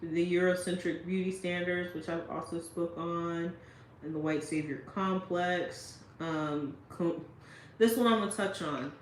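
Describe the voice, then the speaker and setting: Low-voiced woman in casual commentary. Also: steady tone, a little slow. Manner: conversational, checks in with the listener often. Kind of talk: casual commentary reading quotes aloud. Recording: roomy echo with faint noise.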